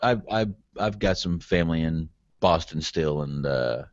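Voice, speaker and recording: Low-voiced male co-host, relaxed and profane, over a dull dry home-podcast mic. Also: measured pace, no echo. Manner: laid-back, swears freely. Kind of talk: casual chat.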